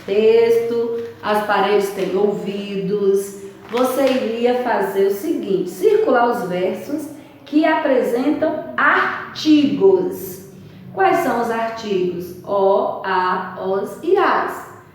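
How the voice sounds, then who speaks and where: A woman with a Brazilian Portuguese accent, teaching a primary school lesson, slow and emphatic, stretching key words. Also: fairly high pitch, lively intonation, a little hiss or hum. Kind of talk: remote lesson walkthrough. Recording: echoey room, voice far from mic.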